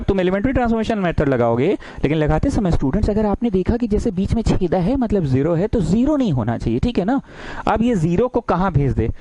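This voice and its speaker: A man's voice: high voice, darkish tone, poor audio. A man teaching math in a lecture, playful and full of questions, acting out little dialogues. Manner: playful, acts out little dialogues, keeps asking students questions. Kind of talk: classroom-style lecture.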